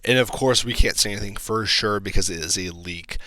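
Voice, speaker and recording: A low-voiced man talks through toy news in a casual, filler-heavy way and gives blunt opinions. His tone is bright and forward. The room sounds dry and close. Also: a little fast, no room sound. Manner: chatty, frequent ums and likes, blunt opinions. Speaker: toy collector channel host.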